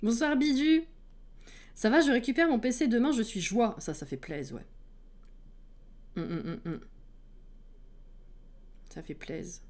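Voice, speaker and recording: A woman's voice: on the high side, expressive, measured pace, long pauses, darkish tone. A woman streamer in casual chat with her viewers, laughing often and greeting people as they come in.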